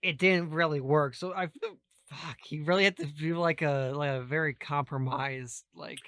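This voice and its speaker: A man co-hosting a casual podcast with the hiccups, talking haltingly and cursing mid-sentence. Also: a little high, steady tone, fairly bright tone, dry recording. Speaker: podcast co-host. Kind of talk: casual chat.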